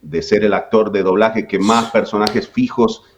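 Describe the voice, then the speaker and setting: A forties-aged man from Jujuy, Argentina, a voice actor, shares stories as an interview guest in a chatty, filler-heavy, relaxed way with an Argentine accent. He speaks at a normal speed in a lowish voice with fairly even intonation, over a little hiss or hum.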